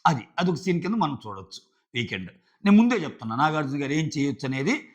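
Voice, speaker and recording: A man's voice: fairly high pitch, quick pace. A man reviewing a reality show in casual, argumentative commentary. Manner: animated, argumentative, acts out contestants' lines. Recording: dull lo-fi audio.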